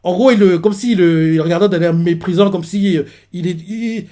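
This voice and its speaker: A man's voice: sits high, moderate pace, mellow. A man hosting a manga reaction, recapping a chapter in a rambling, casual way with many fillers.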